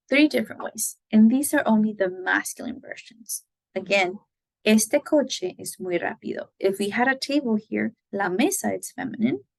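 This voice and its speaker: A woman teaching Spanish grammar, giving example sentences slowly and checking in with "right?" as she goes. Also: mid-range voice, vocal fry, dry recording, poor audio. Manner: slow, careful model sentences, frequent "right?" checks. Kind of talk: explaining grammar.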